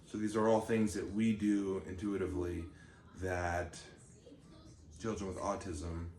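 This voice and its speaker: A man co-hosting a casual chat, explaining things in a relaxed, rambling way with many fillers. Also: low-pitched, a little slow. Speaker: channel co-host, parent. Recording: roomy with faint background noise.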